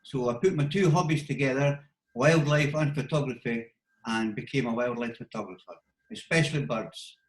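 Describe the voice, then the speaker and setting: A man's voice: mid-range voice, moderate pace, echoey room, low-quality recording. A man with a Scottish accent, a wildlife photographer giving practical step-by-step advice in an interview over a video call. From Scotland. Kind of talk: casual explanatory interview talk.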